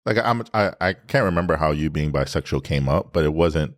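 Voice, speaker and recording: A man's voice: a bass voice, animated, a little fast, no echo, studio quality. A man co-hosting a casual podcast, asking blunt, teasing questions. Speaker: podcast co-host. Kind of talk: casual chat.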